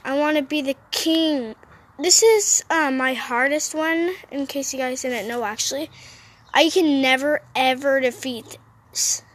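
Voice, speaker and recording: High-voiced woman chatting through a game. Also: a little slow. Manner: chatty and playful, talking to viewers while playing. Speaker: mobile game vlogger. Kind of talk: casual gameplay commentary. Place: sitting on a roof outdoors. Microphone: phone.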